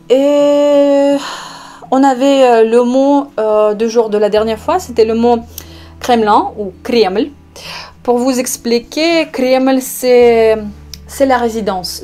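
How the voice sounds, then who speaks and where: A woman from Russia with a Russian accent gives an online language lesson, slightly high in pitch. She speaks very slowly, pausing with hesitations and repeating examples. Soft music plays faintly behind her. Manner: slow, explanatory, frequent hesitations and repeated examples. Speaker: language teacher.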